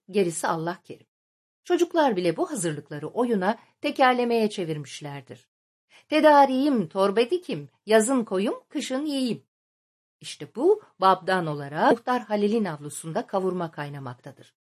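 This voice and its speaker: A woman reading a novel aloud as an audiobook narrator, in a measured, literary storytelling manner. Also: medium pitch, a little mellow.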